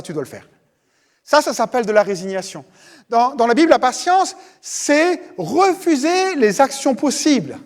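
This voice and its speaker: A high-pitched man gives a sermon at a church service. He keeps it conversational, speaking straight to the congregation and circling back over his words. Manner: conversational, addresses listeners directly, often repeats words. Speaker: pastor.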